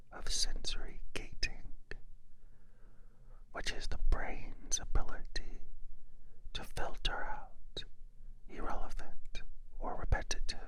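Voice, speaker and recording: A narrator giving a scripted ASMR explainer in a breathy, unvoiced whisper, in short phrases with pauses between them. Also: bright, forceful tone.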